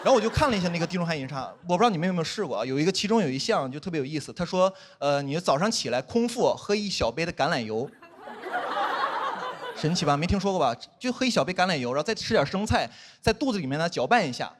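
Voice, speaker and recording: A man's voice: fairly high pitch, fast, background noise. A young man performing a self-mocking stand-up comedy set on stage before a live audience. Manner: animated, self-mocking punchlines.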